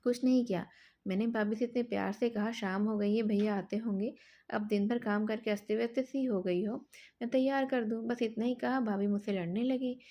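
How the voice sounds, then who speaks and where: A woman voicing a spoiled, sharp-tongued young woman. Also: fairly high pitch, fairly even intonation, normal speed. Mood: whining. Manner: scornful, loud and whiny.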